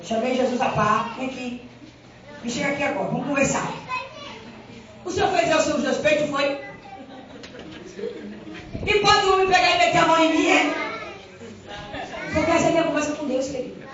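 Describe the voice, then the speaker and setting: A Brazilian woman preacher giving a fervent sermon, swinging from quiet talk to shouts, heard from far off in a church hall. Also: high voice, moderate pace, long pauses. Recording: echoey hall from far off, dull with crowd.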